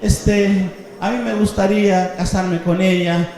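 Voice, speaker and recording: A man's voice: sits high, flat delivery, voice pushed down. A preacher doing a timid young churchman. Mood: sheepish. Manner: hesitant, soft, halting. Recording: echoey church hall.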